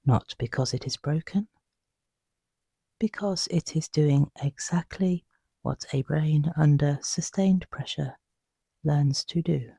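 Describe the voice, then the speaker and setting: A sleep meditation is narrated by a guide whose mid-range voice is soft and breathy. Everything is hushed, calming and slow, with long pauses and no room sound.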